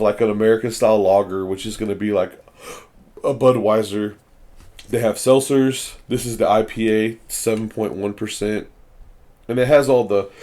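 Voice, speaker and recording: A man's voice: mid-range voice, mellow. A young man hosting a podcast, chatting casually over beers, blunt, profane and rambling. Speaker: podcast host.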